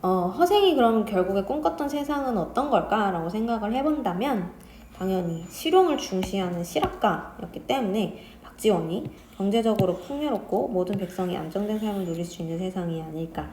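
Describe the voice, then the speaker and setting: Woman teacher talking students through an old story, chatty, does little voices for the quotes, mellow tone, roomy echo with faint hum behind. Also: medium pitch, brisk. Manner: chatty, quotes characters in lively voices, addresses students directly. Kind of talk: casual lecture explaining a classic story. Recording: echoey room with faint ambient noise.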